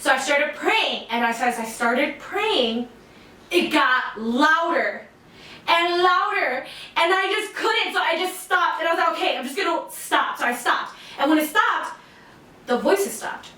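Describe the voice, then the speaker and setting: A young adult woman co-hosting a podcast, telling a story in a casual, animated way, with lots of fillers and swearing. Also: high-pitched, measured pace. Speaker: podcast co-host. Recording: echoey room, distant mic.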